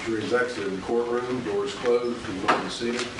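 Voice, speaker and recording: A man serving as judge, giving measured, formal instructions to a jury, heard in a courtroom recording. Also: mid-range voice, fairly even intonation. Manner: measured, deliberate, with frequent uh fillers. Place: large courtroom. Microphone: distant room mic. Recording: echoey courtroom, far mic, loud hiss.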